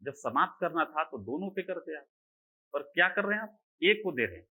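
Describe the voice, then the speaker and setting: A man's voice: a little high, sing-song, brisk, bright, forceful tone, breathy edge, low-quality recording. A man teaching an online exam-prep class, asking rhetorical questions and answering them himself, and often checking that students follow. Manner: keeps checking that students understand.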